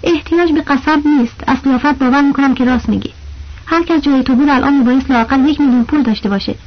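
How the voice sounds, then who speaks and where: A woman voicing a well-dressed, bossy man who poses as an inspector and gives orders loudly. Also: high voice, lightly acted. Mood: friendly. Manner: shouting, commanding. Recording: dull lo-fi audio.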